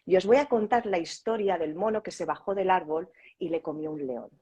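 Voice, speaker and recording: A woman voicing a thoughtful male monkey who gathers his tribe to tell them a story, in a folksy, coaxing tone with a husky voice. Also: fairly low pitch, a little fast, mellow.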